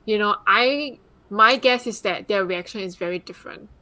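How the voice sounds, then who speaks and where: Appearing as a guest on a live panel, a consultant and advocate from Singapore talks at a normal speed in a bright, forceful, medium-pitched voice. She is earnest and frequently drops in "like" and "um."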